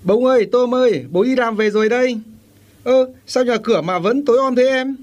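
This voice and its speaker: A man's voice: extremely high pitch, a little fast, highs cut off. A man playing an earnest middle-aged husband who lectures his wife about family meals.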